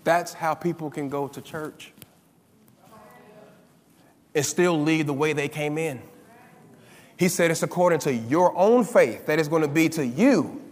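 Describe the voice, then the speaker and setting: A man preaching a sermon as pastor, calling on the congregation to answer back and building up to loud, emphatic peaks. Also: on the high side, a little slow, pauses often, big-room sound.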